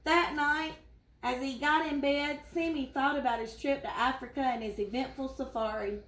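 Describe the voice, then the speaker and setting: A teacher reads a children's storybook aloud in a warm, expressive way. Her voice sits a little high for a woman. The room gives it a roomy echo. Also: normal speed.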